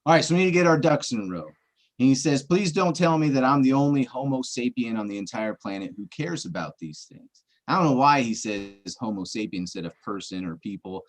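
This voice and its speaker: Brisk and expressive, with a mid-range voice, a treasure hunter walks his listener through puzzle clues step by step during a casual livestream chat. He throws in a joke here and there and checks in with the listener as he goes.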